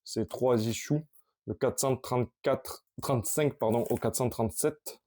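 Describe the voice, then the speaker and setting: Man rambling about his collection, mellow voice. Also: mid-range voice. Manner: rambling, halting, with many restarts and fillers. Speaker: collector showing his comics. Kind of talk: casual collection vlog.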